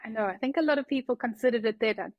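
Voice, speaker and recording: A South African woman in her 30s, a doctor appearing as a guest, chats loosely in a casual interview, full of fillers and restarts. Her voice is on the high side and very fast. The sound is dry, close, dull, and free of echo.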